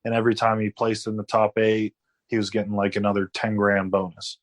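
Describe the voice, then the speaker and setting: A man's voice: fairly low pitch, completely flat delivery, a little fast. A man in his late twenties telling his story as a guest in a casual interview, with many fillers and restarts. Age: 20s. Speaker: guest athlete.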